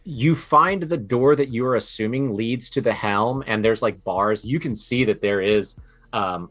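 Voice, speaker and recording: A man with a low voice narrates a tabletop adventure as game master, slowly and deliberately. He stops often for ums and restarts while he works out the scene. He sounds like he is on a home microphone in an online session. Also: fairly bright tone. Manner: halting, lots of ums and restarts.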